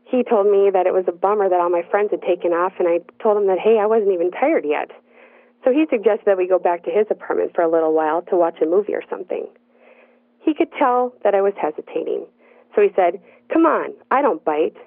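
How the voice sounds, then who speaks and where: A woman telling a personal story in the first person, in an earnest, measured narrating voice. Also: medium pitch, dry recording. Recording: dry, tinny phone-like sound.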